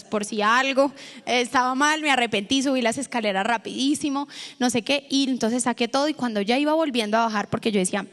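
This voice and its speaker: A woman pastor giving a sermon, telling a personal story to the congregation in a lively, direct way. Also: on the high side. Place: church hall. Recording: long church hall reverb.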